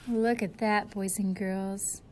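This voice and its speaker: It's a children's read-aloud: a woman at mid pitch moves through the story slowly, full of expression. Like a teacher, she speaks to her little listeners, asking simple questions and adding asides, while faint noise runs underneath.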